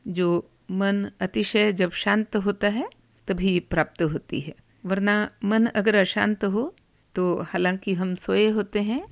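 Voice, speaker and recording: Woman, Sanskrit teacher: slow, measured explanation with chanted verses, slight gravel in the voice. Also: medium pitch. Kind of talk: explaining a devotional hymn.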